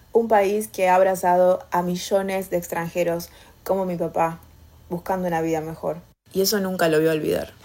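A woman's voice: lowish voice, darkish tone. A woman with an Argentine Spanish accent, earnestly delivering a scripted video monologue.

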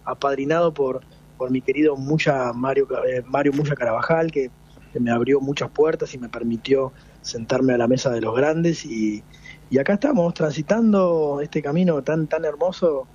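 In a lo-fi radio interview, a forties-aged Argentine folk singer speaks reflectively, often restarting his thoughts. His voice is medium-pitched, a little mellow, and slightly rough, at a moderate pace.

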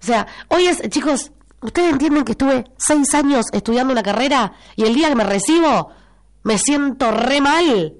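A chatty young Argentine woman with an Argentine Spanish accent hosts a morning radio show from a studio, reading listener messages in casual chat. She's congested, with a stuffed-up nose and an occasional cough, and her high-pitched, expressive voice moves at a moderate pace as she loops back to repeat lines for emphasis.

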